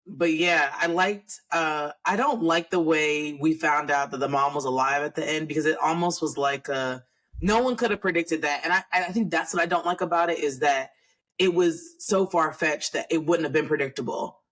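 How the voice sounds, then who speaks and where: A man on a podcast, rambling through his thoughts with loose restarts. His voice sits a little high for a man, and the talk is relaxed and conversational. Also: moderate pace. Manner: rambling, hesitant, restarts often. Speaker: podcast co-host. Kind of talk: casual chat.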